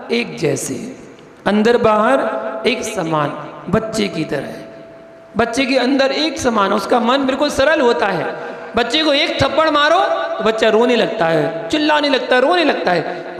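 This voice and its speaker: High-voiced monk preaching in an echoey hall. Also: male voice, a little slow. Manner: animated storytelling with rhetorical questions. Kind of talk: sermon. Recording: echoey hall with long reverb.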